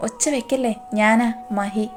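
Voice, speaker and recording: A woman doing a gentle, soothing young man. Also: on the high side, steady tone, a little slow, soft background music, lightly acted. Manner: soothing, caring and coaxing. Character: gentle protective older cousin, young man.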